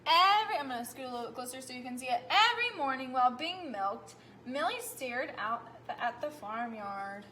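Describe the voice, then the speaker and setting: A woman teacher reads a picture book aloud to young children with an animated storytelling manner, pausing often to ask them what they think. Her voice sits high and bright. A faint hiss runs under the recording.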